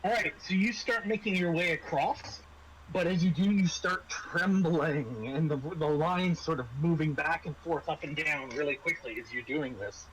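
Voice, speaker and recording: Running a tabletop role-playing game as its game master, a man narrates the players' actions and lays out the rules. His voice is on the high side at normal speed, over faint background noise.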